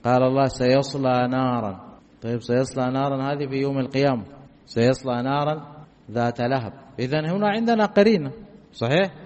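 A man's voice: mid-range voice, quick pace, a little mellow, long reverb tail, highs cut off. A man teaching a grammar lesson, who puts questions to his class and answers them himself while repeating the key points.

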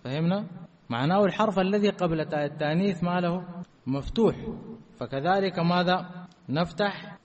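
A man giving a classroom grammar lesson. He keeps asking whether his students have understood, and he repeats key words slowly. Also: sits high, lo-fi sound. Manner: checks understanding with repeated questions. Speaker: grammar teacher.

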